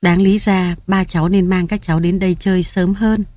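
Sweet gentle young woman, read by a woman, doting, low dry voice. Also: fairly even intonation, moderate pace, no room sound, natural voice. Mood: fond.

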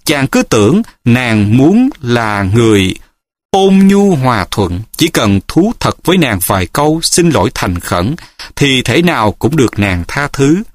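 Expressive male audiobook storyteller. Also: mid-range voice, measured pace, no echo, clean studio sound. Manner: expressive, dramatic reading. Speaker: audiobook narrator. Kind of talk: storytelling narration of a martial-arts novel.

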